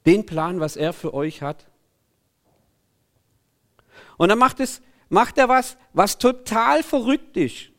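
A man preaching a sermon in an animated, conversational way, often breaking in with 'hey'. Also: sits high, slow, long pauses.

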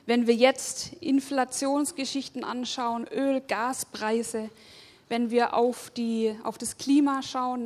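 A woman's voice: on the high side, darkish tone. A woman preaching a sermon, speaking emphatically, stacking repeated phrases and putting questions straight to her listeners. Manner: addresses listeners directly with questions.

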